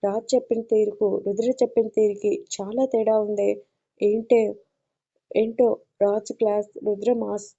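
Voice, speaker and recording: A woman voicing a fiery, independent young woman who answers with sharp, defiant retorts in an audio story. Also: medium pitch, flat delivery, moderate pace, highs cut off, close to an everyday voice.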